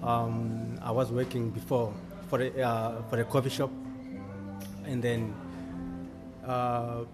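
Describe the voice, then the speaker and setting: A man from Zimbabwe, a coffee shop owner answering interview questions in an earnest, halting way with many restarts. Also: mid-range voice, little pitch movement. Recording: music playing clearly behind.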